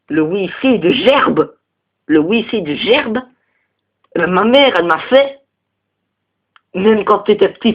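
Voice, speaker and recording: A young man with a Belgian French accent playing a crude, rambling male teacher in a comedy sketch, lurching into high, indignant outbursts. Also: gravelly, breathy edge, dull audio, exaggerated voice. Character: crude, touchy male teacher, single, lives with parents. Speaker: teacher at a parents' meeting.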